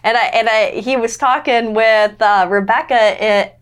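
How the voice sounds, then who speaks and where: A woman's voice: on the high side, steady tone, normal speed, smooth. A woman hosting a podcast interview, talking with enthusiasm and drifting into long reflective sentences. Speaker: podcast host. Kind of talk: casual interview chat.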